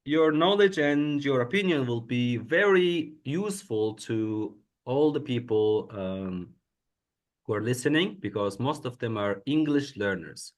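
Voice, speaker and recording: A man's voice: medium pitch, animated, measured pace. A man hosting a podcast interview, introducing his guest hesitantly with frequent fillers. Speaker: podcast host. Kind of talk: casual interview.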